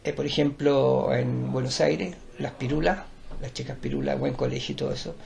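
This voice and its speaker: Gravelly older Chilean man, lecturing. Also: mid-range voice, fairly even intonation, moderate pace, a little mellow, slight background noise. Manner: digressive, repeats words and restarts, lecturing. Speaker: art teacher and performer. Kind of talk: rambling conversational interview.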